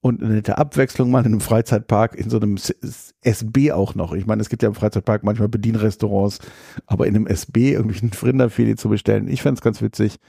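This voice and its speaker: A man talks in a relaxed, opinionated way, pausing often on fillers. His voice is gravelly and mellow. The recording is dry and close. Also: lowish voice, dry recording. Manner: opinionated, critical, with many fillers. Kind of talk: casual chat about theme parks.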